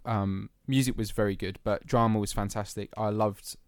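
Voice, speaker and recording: A man's voice: on the low side, steady tone, normal speed, dry recording, clean studio sound. A young man from England, chatting casually on a podcast, laughing easily and using plenty of fillers. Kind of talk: casual chat.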